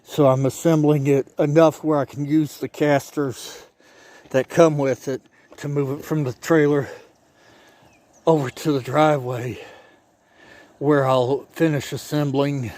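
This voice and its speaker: A man narrating his own project vlog outdoors in a casual, halting way, thinking aloud as he works. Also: fairly high pitch, level tone, a little mellow, no room sound. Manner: chatty and halting, thinking aloud while working. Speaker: DIY vlogger. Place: outdoors by a driveway.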